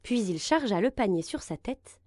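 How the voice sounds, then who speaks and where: Lively woman reading a children's story. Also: mid-range voice, moderate pace. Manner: expressive, gentle narration.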